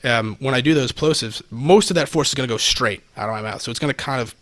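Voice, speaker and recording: Bright-toned and quick, this medium-pitched man talks without echo as an audio expert appearing on a podcast. His explanation is informal and practical, full of examples. He speaks close to a podcast microphone placed a little off to one side.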